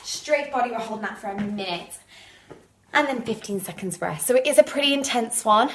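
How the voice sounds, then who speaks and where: Woman coaching a home workout, higher voice, bit out of breath, roomy echo. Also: fairly quick, a little hiss or hum. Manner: chatty, laughing at her own slips, demonstrating moves. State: a little out of breath. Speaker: fitness instructor. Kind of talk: live workout instruction. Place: living room.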